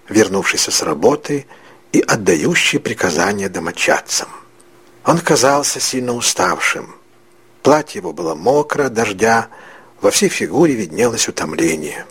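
A man reading a literary story aloud as narrator, in a measured, reflective way. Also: mid-range voice, sing-song, fairly bright tone, slightly rough.

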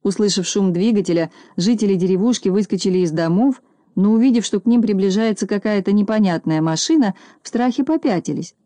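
A woman's voice: mid-range voice, fairly quick, no echo. Woman reading a storybook aloud. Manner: lively, expressive reading. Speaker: narrator.

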